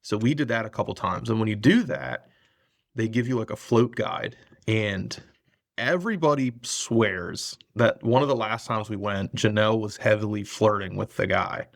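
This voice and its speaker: A man's voice: fairly low pitch, moderate pace, creaky. A young man hosting a podcast, telling school stories in casual chat, swearing a lot and laughing often. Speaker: podcast host.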